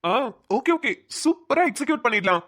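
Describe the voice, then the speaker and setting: A woman voicing a cheerful young police trainee in a cartoon, breezy and excitable. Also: extremely high pitch, normal speed, no echo, studio quality, heavily acted. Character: young male police trainee, cheerful, devoted to his wife. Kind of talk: cartoon dialogue.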